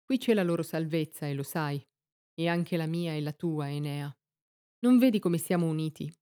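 A woman's voice: sits low, moderate pace, warm tone, lightly acted. A woman reading the lines of a betrayed, heartbroken queen in an impassioned, reproachful way. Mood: pleading. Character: heartbroken queen Dido, betrayed by her lover.

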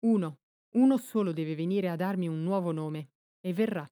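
Gentle serene child empress, read by a woman, storybook, soft and quiet, warm low tone. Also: normal speed, dry recording, clean studio sound, close to an everyday voice.

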